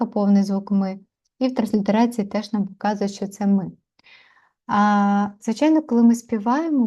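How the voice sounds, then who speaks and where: A woman teaching Sanskrit pronunciation in an online lesson, explaining and repeating syllables slowly and carefully with pauses between them. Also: medium pitch, mellow.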